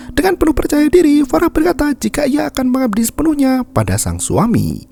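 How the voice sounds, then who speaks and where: A man's voice: lowish voice, mellow. A man narrating a film recap as scripted, dramatic storytelling.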